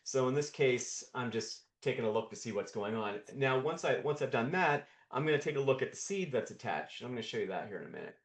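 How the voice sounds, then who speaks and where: Man demoing software over a roomy video call. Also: medium pitch, lively intonation, fairly quick, few pauses. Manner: thinks aloud with frequent restarts and repeated words. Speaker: presenter of a live coding session. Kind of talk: live screen-share demo. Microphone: video call mic. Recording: roomy echo.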